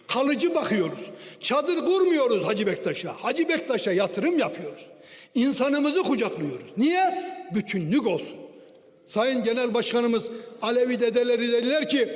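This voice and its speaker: A man, a member of parliament, giving a formal, declamatory speech at a lectern microphone in a large parliament chamber. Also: very high-pitched. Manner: declamatory, with rhetorical questions. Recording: long hall reverb.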